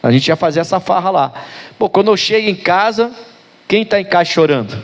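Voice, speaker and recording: A middle-aged pastor from Rio preaching in a fairly high voice. He tells stories from his life with deep emotion, dropping low and soft and then surging high and loud. His talk is colloquial and he keeps calling out to his listeners. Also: animated, brisk. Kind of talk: sermon with personal storytelling.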